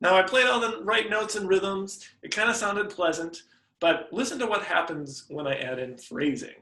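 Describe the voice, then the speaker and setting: A man's voice: sits high, moderate pace, sharp tone, echoey room, low-quality recording. A man teaching piano in a friendly, explanatory way, sometimes humming melodies to show phrasing. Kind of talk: instructional video lesson.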